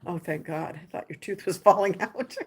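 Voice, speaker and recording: A woman's voice: on the low side, normal speed, breathy edge. A middle-aged woman hosting a family livestream, chatting casually and patiently with her children. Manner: gentle, patient, coaching tone with kids.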